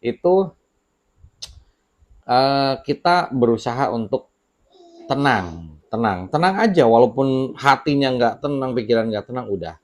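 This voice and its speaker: A man talking casually to camera in a small home studio, giving relaxed, unhurried advice with many fillers and pauses. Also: medium pitch. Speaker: channel host sharing debt advice. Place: small home studio with children heard nearby.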